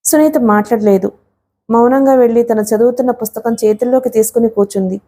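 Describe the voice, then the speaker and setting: Female audiobook narrator, slightly high, soft mellow tone, steady storytelling read. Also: fairly quick. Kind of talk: scripted narration of a novel.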